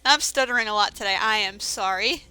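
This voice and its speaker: A woman's voice: medium pitch, brisk, pushed and bright, clear, resonant tone. A woman giving casual, rambling commentary over a game playthrough, with many fillers and restarts. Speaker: let's-play commentator.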